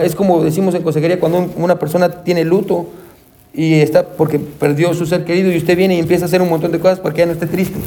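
A man's voice: a little high, vocal fry, mellow. A man teaching a Sunday school lesson as a counselor, calling listeners brother and saying amen often, with English terms mixed in. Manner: addresses listeners as brother, frequent amens; acts out quoted voices, mixes in English terms.

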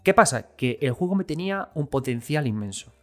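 A man's voice: mid-range voice, lively intonation, a little fast, darkish tone, faint music behind. A man from Galicia talking casually and enthusiastically to his viewers about video games. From Galicia, Spain. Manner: enthusiastic, conversational, addresses viewers directly. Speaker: video game commentator. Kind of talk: casual spoken game review.

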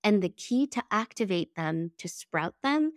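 A woman's voice: medium pitch, very animated, a little slow, no room sound, studio quality. A woman hosting a solo podcast episode, sounding nasal and congested from a head cold, in an earnest, reflective manner. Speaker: podcast host.

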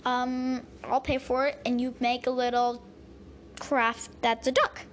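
A man's voice: very high voice, level tone, a little slow, fairly bright tone, a little hiss or hum. A young girl voicing an easygoing, helpful father who answers in brief, laid-back replies in a home-made story.

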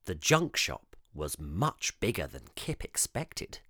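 A man narrating a children's storybook in an expressive, measured way. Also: low-pitched, breathy edge, dry recording, studio quality.

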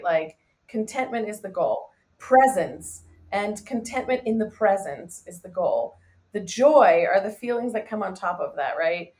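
A woman from the US west coast, a life coach guest, talking animatedly and laughing easily in a casual interview. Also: medium pitch. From west coast of the United States.

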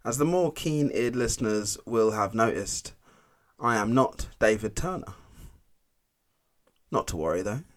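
Bloke hosting a podcast, fairly low voice, drops his t's, reading an intro in a playful way. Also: animated, a little slow, pauses often. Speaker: podcast host.

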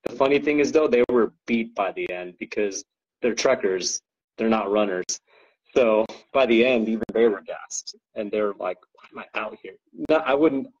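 A man with a lowish, husky voice talks loosely as a podcast guest. He rambles through his story with plenty of ums and likes. The audio is dull and lo-fi. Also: moderate pace, darkish tone. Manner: rambling, full of ums and likes, laughs often. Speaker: guest co-owner describing an ultra race. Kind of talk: casual podcast chat.

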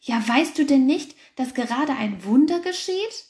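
A woman's voice: sits high, animated, a little slow, a little mellow, roomy sound, pitched above the performer's own voice. A woman voicing a grumpy, cold little porcupine that scolds and grumbles, in a storybook reading. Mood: grumbling. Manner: scolding, indignant.

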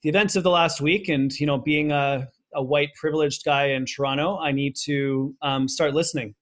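A man's voice: fairly high pitch, fairly even intonation, normal speed, a bit bright. A man hosting a podcast, reading a guest introduction and then talking in an earnest, reflective way with plenty of fillers. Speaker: podcast host. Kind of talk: podcast intro and interview chat.

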